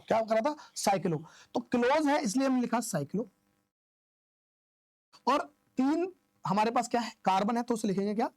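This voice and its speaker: A man's voice: high-pitched, darkish tone, dry recording. Man teaching, quizzing and answering himself. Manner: asks questions and answers them himself; repeats key terms, coaxing and informal. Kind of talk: classroom lecture.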